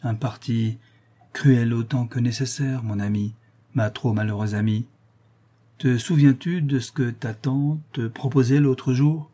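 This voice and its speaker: A man narrating an audiobook of a classic novel in a measured storytelling voice. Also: mid-range voice, steady tone, mellow, husky.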